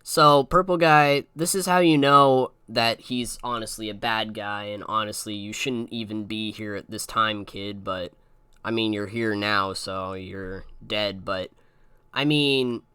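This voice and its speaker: Bright, crisp young man rambling commentary. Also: on the low side, unhurried, no echo. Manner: rambling, many fillers and asides. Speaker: host. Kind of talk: casual re-watch commentary.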